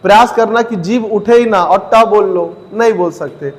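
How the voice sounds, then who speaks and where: A man teaching a Hindi grammar class for exam preparation. He asks the class questions, answers them himself, repeats key terms and says each sound slowly. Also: sits high, long reverb tail.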